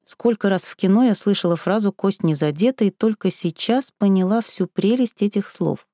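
A woman narrating a story in an even, expressive reading style. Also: medium pitch, moderate pace, dry recording, studio quality. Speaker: audiobook narrator.

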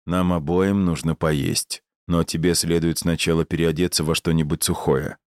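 A man's voice: low voice, level tone, normal speed, a little mellow, no echo, clean studio sound, close to an everyday voice. A man as a stern, worried warrior husband.

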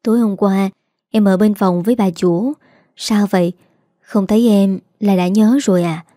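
A woman voicing a gentle young daughter-in-law who speaks softly and politely. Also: medium pitch, steady tone, moderate pace, no room sound, clean studio sound, natural voice.

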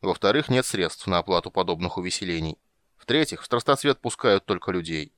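A man voicing a grumpy, wary male halfling merchant in an audiobook, gruff and grudging. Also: sits low, lively intonation, fairly quick, a bit bright, no room sound, clean studio sound. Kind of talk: audiobook character voice.

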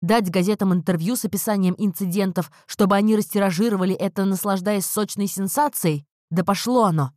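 A woman voicing a furious young man who growls and shouts, in an audiobook. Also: deep voice, normal speed, dry recording, studio quality. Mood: bitter. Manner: growling, shouting through clenched teeth.

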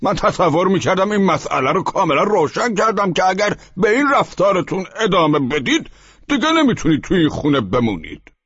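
A man's voice: high-pitched, sing-song, a bit bright, breathy edge, no room sound, dull audio, voice pushed up, heavily acted. A man voicing a stern middle-aged landlord who lectures his tenant, in an audiobook. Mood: angry. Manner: reproachful, lecturing. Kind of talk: audiobook character voice.

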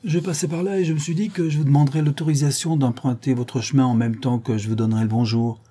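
A man's voice: mid-range voice, fairly even intonation, fast talker, warm tone, husky, pitched above the performer's own voice, natural voice. A man voicing a scheming old peasant woman who herds goats, speaking in a quavering, sly voice. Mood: wheedling.

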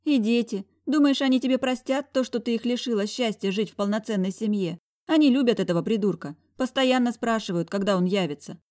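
A woman voicing a sharp-tongued young woman, the heroine's blunt best friend, in an audiobook. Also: fairly high pitch, a little fast, pitched above the performer's own voice, lightly acted. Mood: reproachful. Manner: scolding, blunt.

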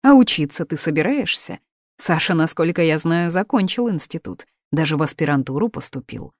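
A woman reading as a calm, firm father. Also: low voice, no room sound, studio quality. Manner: measured, firm.

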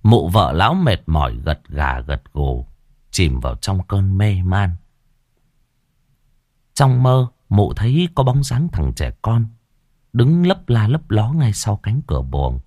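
A man narrating a village horror story in a dramatic, expressive storytelling manner. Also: fairly low pitch, slow pace, no echo, clean studio sound.

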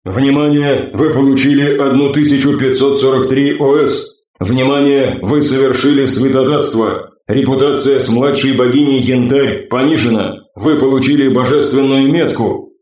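A man voicing an impersonal game system announcer in an audiobook, flat and announcing, with an echo effect. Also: mid-range voice, normal speed.

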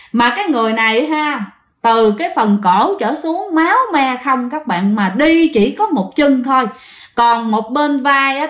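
A woman's voice: on the high side, reverberant. A woman with a Southern Vietnamese accent, telling ghost stories in a chatty way and speaking straight to her listeners. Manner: chatty, addresses listeners directly. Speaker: ghost story narrator. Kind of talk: casual spoken storytelling.

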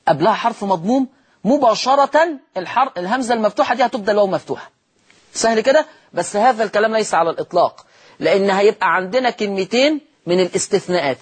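This is a TV Quran lesson from a man with a high, slightly rough voice and an Egyptian accent. He stretches and repeats example words while answering questions he raises himself.

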